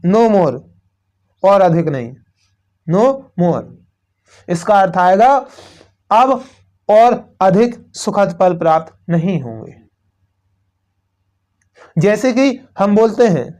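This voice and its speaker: A male teacher with a North Indian Hindi accent goes through a poem line by line. His voice sits high and he speaks at a slow, deliberate pace. He poses questions and answers them himself, repeating each point. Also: a little mellow. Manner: repetitive, asks and answers own questions.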